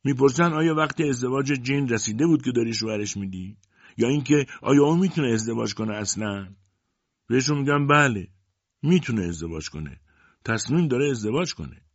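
A man voicing a proud, quick-tempered older father who talks loud and forcefully. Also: medium pitch, animated, no room sound, dull audio, voice pushed up. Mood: exasperated.

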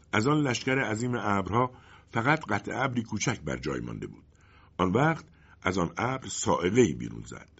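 A man narrating a children's story in an expressive, dramatic reading. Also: on the low side, slightly rough. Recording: muffled lo-fi recording.

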